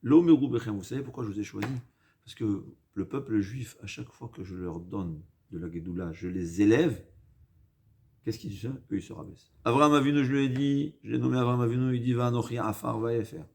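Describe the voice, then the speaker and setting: Low-voiced man teaching in foreign-accented French. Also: warm tone. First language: not a native French speaker. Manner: halting, repeats and rephrases for emphasis, mixes in Hebrew quotations. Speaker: rabbi giving a religious lesson. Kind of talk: informal Torah lecture.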